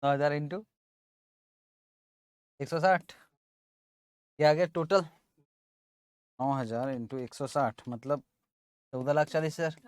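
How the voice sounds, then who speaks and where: A man's voice: fairly high pitch, takes it slowly, pauses often, darkish tone, clean tone, dry recording, studio quality. A man teaching accounting in an informal lesson, casually working through the sums aloud.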